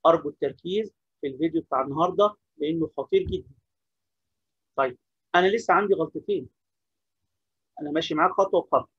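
Egyptian male teacher, quick, husky, questions and answers himself; dry lo-fi sound. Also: a little high, a bit bright, dry recording. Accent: Egyptian Arabic. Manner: repeats key points, asks and answers questions himself. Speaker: English teacher. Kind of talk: classroom-style lesson explaining grammar.

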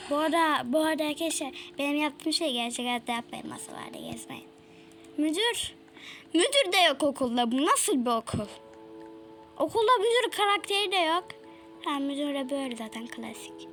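A woman's voice: high-pitched, normal speed, a bit bright, faint music behind. A woman giving casual let's-play commentary, chatty and exclaiming as she talks to her viewers. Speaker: gaming YouTuber.

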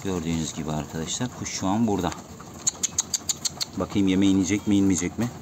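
A man's voice: low voice, quick pace. Man coaxing pigeons, outdoor noise. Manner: coaxing birds with repeated calls. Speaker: pigeon keeper vlogger. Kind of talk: casual vlog talk to viewers. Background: cooing pigeons.

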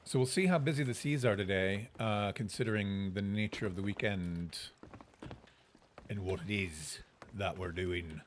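Low-voiced man chatting over gameplay. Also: moderate pace, a little hiss or hum. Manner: chatty, musing aloud to himself. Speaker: game streamer. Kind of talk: casual gameplay commentary.

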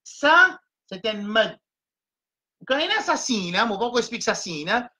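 Bright-voiced man teaching slow Quran reading. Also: high voice, big pitch swings, poor audio. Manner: spells out letters and vowel marks, then blends them slowly. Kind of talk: slow letter-by-letter reading lesson. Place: home, livestream.

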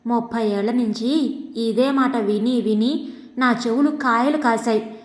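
A woman's voice: on the high side, fairly even intonation, unhurried, lightly acted. Woman doing a weary, impatient husband, echoey. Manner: impatient, lecturing. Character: weary middle-aged husband, irritated but reasoning. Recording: echoey room with long reverb.

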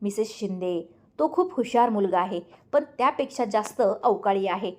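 A woman's voice: mid-range voice, expressive, normal speed, a little mellow, close to an everyday voice. A woman narrator voicing a stern school principal lodging complaints in a storybook reading.

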